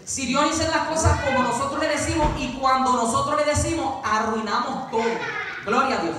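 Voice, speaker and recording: High-voiced fervent preacher man. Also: brisk, noisy background. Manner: fervent, repeats praise refrains between points. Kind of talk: sermon at a youth vigil. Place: church sanctuary. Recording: very echoey church from far off, congregation audible.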